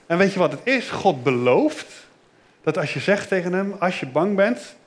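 A middle-aged man leading a children's church service, lively, asking the kids questions. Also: high voice, normal speed.

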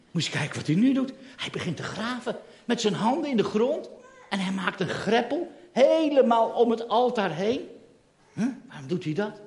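A man telling a Bible story in a lively, animated way, asking his listeners questions along the way. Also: high-pitched. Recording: roomy echo.

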